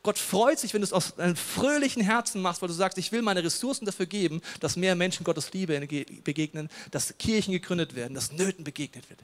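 A man preaching a lively sermon as pastor, colloquial and playful, with casual asides to the congregation. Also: high-pitched, brisk, hardly any pauses.

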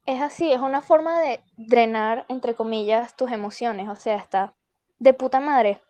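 A woman's voice: fairly high pitch, measured pace, mellow, lo-fi sound. A young woman with a Venezuelan accent co-hosting a podcast, laughing often and talking in slangy, self-mocking casual chat. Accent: Venezuelan Spanish. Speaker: podcast co-host.

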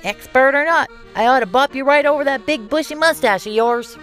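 A woman's voice: high-pitched, fairly quick, a bit bright, soft background music. A woman voicing a feisty female pie baker with poor eyesight who turns huffy and combative. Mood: angry. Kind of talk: cartoon voice acting.

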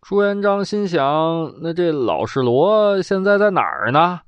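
A man telling a traditional historical story in a lively, colloquial way with vocal sound effects. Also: high voice, a little slow, no room sound, lo-fi sound.

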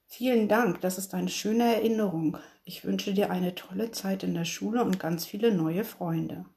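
A woman's voice: medium pitch, moderate pace, gravelly, warm tone, lightly acted. A woman voicing a jovial, teasing female kindergarten director in a read-aloud story.

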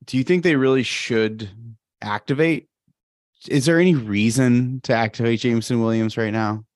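A man's voice: medium pitch, normal speed, a little mellow, no room sound, studio quality. A man co-hosting a casual sports podcast, jokey and teasing, laughing between points. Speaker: podcast co-host.

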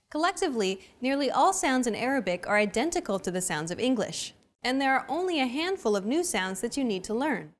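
A woman with a fairly high voice hosts a beginner language lesson. She reads a prepared script in a clear, measured way. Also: slight background noise.

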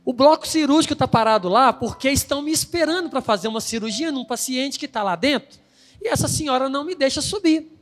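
A man's voice: very high-pitched, lively intonation, fairly quick, long reverb tail, voice pushed up. A man voicing an indignant male surgeon who speaks firmly and formally.

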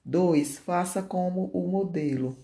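A teacher correcting homework exercises aloud, reading answers slowly and deliberately and stretching out key words. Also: mid-range voice, creaky, dark tone.

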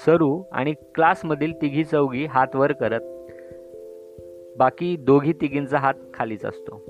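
A man narrating a story in a slow, measured reading. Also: medium pitch. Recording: dull lo-fi sound with faint music.

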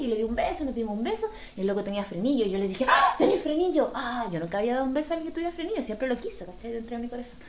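A woman with a Chilean accent telling a comic story, slangy and animated, acting out the voices in her tale. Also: on the high side, roomy sound, slight background noise. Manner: animated, slangy, acts out dialogue. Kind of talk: stand-up storytelling.

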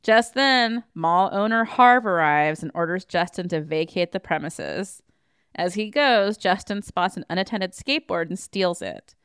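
A woman's voice: on the low side, expressive, measured pace, a bit bright, clean tone, dry recording, studio quality. A woman podcast host recapping a film plot in casual chat, with wry, sarcastic asides.

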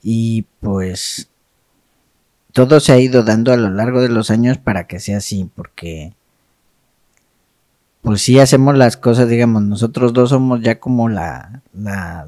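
A man's voice: lowish voice, dark tone, dry recording. A man co-hosting a podcast, chatting reflectively in a meandering way that often seeks agreement. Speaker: podcast co-host. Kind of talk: casual, reflective chat.

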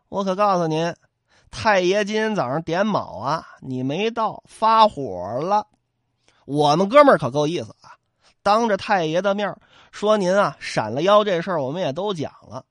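Guy doing a smug teasing constable, low and slow, lively up-and-down delivery. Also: dry recording, clean studio sound, full character voice. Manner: drawling, teasing. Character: sly mocking male yamen constable.

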